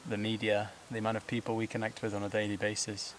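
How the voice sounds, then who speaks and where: Hiking up a steep trail, a man talks casually to his camera, panting and laughing as he rambles with fillers. He speaks fast in a fairly low monotone, and the recording carries a little hiss or hum along with buzzing insects.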